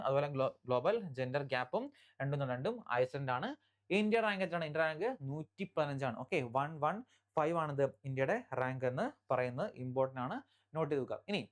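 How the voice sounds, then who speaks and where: Preparing students for exams, a teacher from Kerala lectures on current affairs in a mid-range voice. Each English headline is read out slowly and then explained, with key facts repeated and frequent check-ins with listeners.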